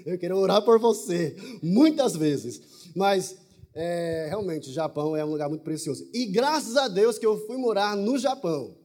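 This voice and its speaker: Husky storytelling preacher, a man. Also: fairly high pitch, warm tone. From Brazil. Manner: storytelling, humorous, with asides to the audience. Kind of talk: testimony sermon to a congregation.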